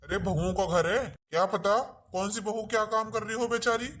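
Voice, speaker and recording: A woman's voice: mid-range voice, a little fast, a bit bright, lightly acted. A woman playing a grumbling, stingy elderly father-in-law who lectures in a family drama skit.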